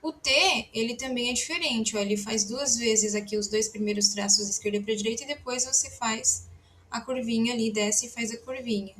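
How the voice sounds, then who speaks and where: A woman teaching a language lesson, patiently writing letters and drilling syllables aloud with strong breathy aspiration. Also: fairly high pitch, steady tone, moderate pace, a bit bright, slight background noise. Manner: self-deprecating asides about her handwriting. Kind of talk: slow spoken lesson while writing.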